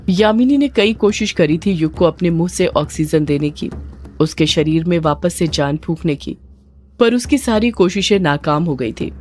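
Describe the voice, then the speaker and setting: Storyteller reading a dramatic audio serial. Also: a little mellow. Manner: acts out every character's lines with raised pitch. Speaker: narrator. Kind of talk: scripted audio story narration.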